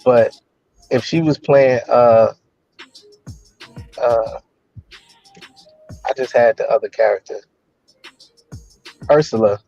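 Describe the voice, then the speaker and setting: A mid-pitched man chatting casually as co-host, often repeating himself as he finds his point. His sound is dull and a little lo-fi, with faint music behind him. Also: slow pace, gravelly, long pauses. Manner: stumbling restarts, conversational. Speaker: podcast co-host. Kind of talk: casual chat.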